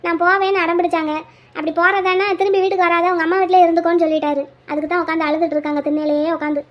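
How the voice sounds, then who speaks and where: A woman voicing a bossy, sharp-tongued young daughter-in-law who scolds briskly. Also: very high-pitched, flat delivery, lo-fi sound. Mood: scolding.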